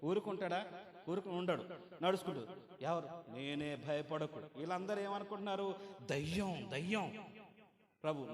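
A man preaching a sermon, calling on the congregation to answer and clap, swinging from soft storytelling to loud exclamations. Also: high voice. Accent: Telugu. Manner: call-and-response preaching, urging the crowd to answer and clap. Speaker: pastor. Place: large hall at a church gathering. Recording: echoey hall reverb.

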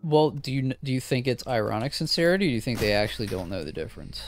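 A man's voice: mid-range voice, very animated, fast, soft background music. A man streaming a shooter game, joking and swearing in casual chat with a friend.

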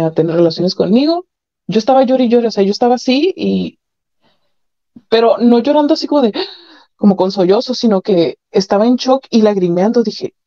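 A woman's voice: medium pitch, warm tone, muffled recording. A woman telling a caller's candid personal story, frank and matter-of-fact with nervous laughs. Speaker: caller sharing her experiences. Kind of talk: candid personal testimony over a call. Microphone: phone or call line.

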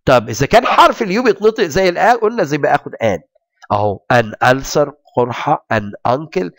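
A man with an Egyptian Arabic accent teaching an English grammar lesson, explaining in quick Arabic and reading English examples out slowly and carefully. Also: on the high side, lively intonation, fairly bright tone, no room sound, studio quality.

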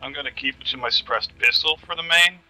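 A man's voice: medium pitch, fast, bright, forceful tone, poor audio. A man chatting casually with teammates while playing a co-op military shooter. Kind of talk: casual gaming chat.

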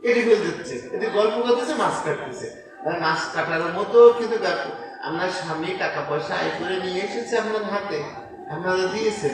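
High-voiced male preacher in an echoey hall. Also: a little fast. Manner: conversational, addresses listeners directly with rhetorical questions. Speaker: Islamic preacher. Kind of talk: informal Bengali sermon. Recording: echoey, distant mic with loud background noise.

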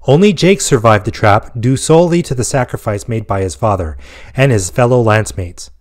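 A man telling a science fiction war story in steady, even scripted narration. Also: medium pitch.

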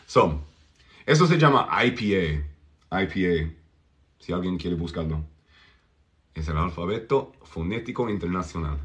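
A man teaching English pronunciation, stretching each vowel slowly so it can be heard clearly. His voice sits fairly low, and he speaks at a very unhurried pace. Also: animated, fairly bright tone. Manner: slow, drawn-out demonstrations of vowel sounds. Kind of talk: pronunciation lesson.

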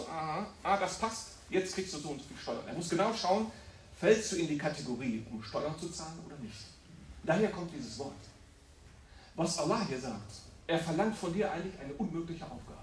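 Male preacher, emphatic sermon delivery, slightly high voice, distant mic with faint background hiss. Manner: emphatic, rhetorical questions, explains Arabic words. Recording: echoey room, voice from afar.

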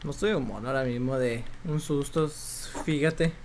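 A young man streaming a video game, commenting excitably, swearing often and yelping when startled. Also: medium pitch, normal speed, slight background noise. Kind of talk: let's play commentary.

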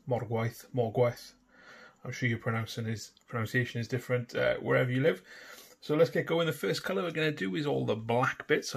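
A man with a Welsh accent hosting a miniature painting tutorial, talking casually with a relaxed, self-deprecating manner. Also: mid-range voice, gravelly. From Wales. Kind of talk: casual instructional talk.

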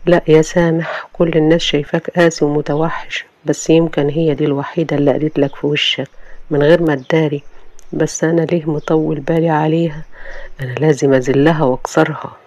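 Storybook lead, cold proud rich man, Egyptian accent, brusque orders, quick, read by a woman. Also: deep voice, flat delivery, a little mellow, no echo. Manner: brusque, commanding.

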